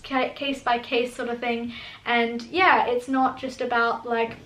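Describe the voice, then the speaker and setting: A woman's voice: a little high, sharp tone. A woman of twenty-one, chatty and laughing often as she answers viewers' questions in a casual vlog. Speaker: student vlogger. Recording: echoey room.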